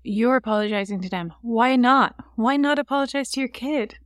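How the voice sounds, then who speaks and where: A woman's voice: a little high, normal speed, smooth, no room sound, clean studio sound. A woman co-hosting a casual parenting podcast, earnestly giving step-by-step advice and acting out what to say to a child.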